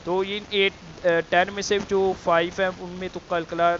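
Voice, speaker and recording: A man teaching Quran letter pronunciation, explaining slowly with many fillers and repeating the letter sounds to demonstrate. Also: sits high, flat delivery, a bit bright, dull audio, a little hiss or hum. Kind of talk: tajweed lesson with demonstrations.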